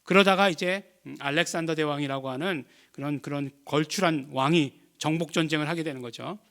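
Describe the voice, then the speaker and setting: A pastor preaching a sermon, explaining patiently, asking the congregation questions and answering them himself, with frequent fillers. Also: male voice, a little high, brisk, fairly bright tone. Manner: many "eo" and "ye" fillers.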